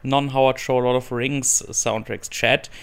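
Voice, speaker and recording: Gravelly-voiced male podcast host. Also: mid-range voice, steady tone, normal speed, a bit bright. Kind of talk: casual chat.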